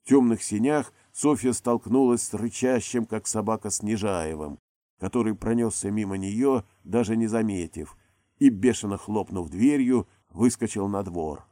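A man reading a novel aloud as audiobook narrator, in calm, even storytelling. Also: fairly low pitch, moderate pace, no echo, clean studio sound. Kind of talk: scripted narration.

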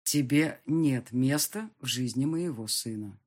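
A woman's voice: low-pitched, fast, lightly acted. Woman reading a curt, domineering rich man. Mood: cutting. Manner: curt and harsh.

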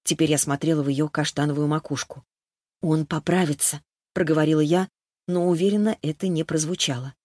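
A woman narrating a novel in first person, keeping an even storytelling pace. The sound is dry and close, with no room around it. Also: low-pitched, quick pace, no room sound. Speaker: audiobook narrator.

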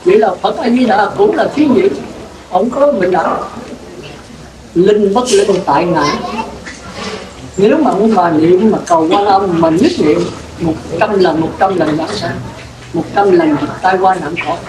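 A man's voice: high voice, a little slow, pauses often, a crowd in the background. A Buddhist monk giving a sermon in a plain-spoken way, putting questions to his listeners. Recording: roomy, distant mic with clear noise.

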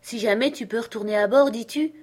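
A woman voicing Ben Gunn, a hoarse, half-mad old male castaway who talks eagerly and wheedles. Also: fairly high pitch, a little fast, darkish tone, pitched above the performer's own voice, close to an everyday voice. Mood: wheedling. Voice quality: hoarse, creaky.

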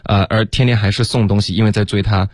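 This fairly low-voiced man speaks in a steady tone as he teaches pronunciation over the radio. He is patient, stretching each word slowly as a demonstration, and the studio sound is dry and close-miked without any echo.

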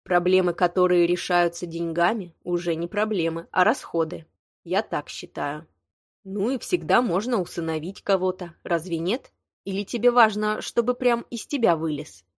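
A woman reading the lines of a blunt, hot-tempered young man, a lawyer, with a sharp, exasperated delivery. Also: fairly low pitch, normal speed, no echo, clean studio sound, lightly acted. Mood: wry. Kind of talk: audiobook dialogue reading.

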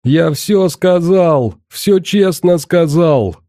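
A man's voice: a little high, very animated, drawn-out words, mellow, no room sound, studio quality, exaggerated voice. A man voicing a terrified young male captive who pleads and stammers in panic, in an audiobook. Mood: panicked pleading.

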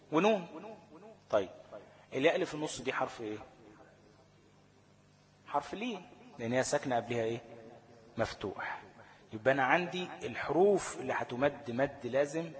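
A man's voice: medium pitch, in a large hall. A man with an Egyptian accent teaching a Quran recitation lesson, asking questions and answering them himself. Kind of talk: Tajweed lesson in colloquial Arabic.

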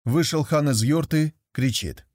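A man narrating a folk tale in a measured storytelling manner. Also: fairly high pitch, a little mellow, dry recording, studio quality.

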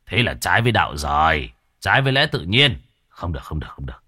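A man voicing a scheming, boastful old male sorcerer who mutters low and brags. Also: big pitch swings, fast, pushed and bright, husky, no room sound, studio quality, exaggerated voice. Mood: muttering alarm.

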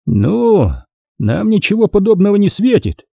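A man's voice: sits high, sing-song, measured pace, vocal fry, warm tone, no room sound, studio quality, voice pushed up, heavily acted. Man reading as a grave navy admiral. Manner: grave, explanatory. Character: grim explaining navy admiral, calm and grave.

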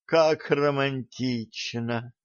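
A man reading an audiobook, voicing a curious young woman who pleads and gets excited. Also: a little high, a little slow, no room sound, dull audio, voice pushed up, lightly acted. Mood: eager.

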